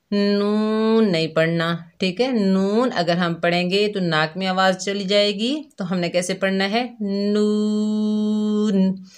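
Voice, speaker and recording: In a slow children's lesson, a woman with a mid-range voice teaches young children to read Arabic letters. She speaks gently and patiently, repeating each letter slowly.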